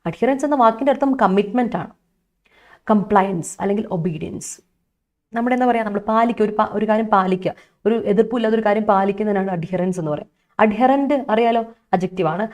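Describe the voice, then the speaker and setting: Her voice is medium-pitched, fast and somewhat dark. She is a young Malayali-accented woman leading an online exam-prep lesson on English vocabulary, coaxing and conversational, going back over key points.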